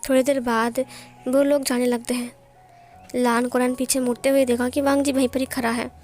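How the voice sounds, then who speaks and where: A woman's voice: high-pitched, level tone, brisk, darkish tone, soft background music. A woman narrating a fanfiction story, retelling events and voicing each character's lines in a plain manner. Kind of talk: story reading.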